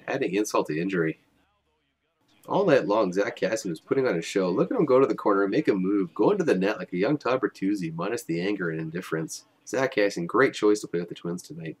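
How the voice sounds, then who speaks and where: A young man giving joking, wry play-by-play voice-over of game highlights. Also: husky. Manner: wry, joking, self-mocking. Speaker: highlights commentator.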